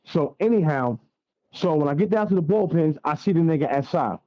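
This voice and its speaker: A man's voice: a little high, animated, brisk, dull audio. A man, telling a blunt, profane story as a guest on a radio interview. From Staten Island, New York.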